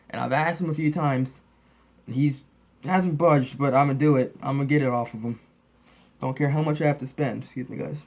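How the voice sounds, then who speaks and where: A man with a lisp from braces and a slightly sick, sniffly voice, chatting casually and ramblingly as he shows off his collection as a host. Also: medium pitch. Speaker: host of a wrestling DVD collection update. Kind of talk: casual, rambling show-and-tell chat.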